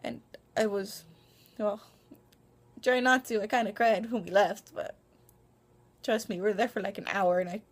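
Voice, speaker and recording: Gravelly young woman rambling to camera. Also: mid-range voice, fairly even intonation, normal speed, pauses often. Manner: rambling, lots of ums and restarts, self-conscious. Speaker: vlogger. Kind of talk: casual vlog monologue. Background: dog barking.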